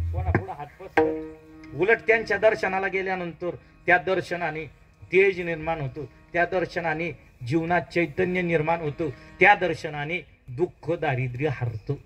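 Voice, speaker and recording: A man with a Marathi accent preaching a devotional story in kirtan style, asking the crowd quick questions and swinging up loud on key words. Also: poor audio. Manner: call-and-response questions, dramatic rises in pitch and volume.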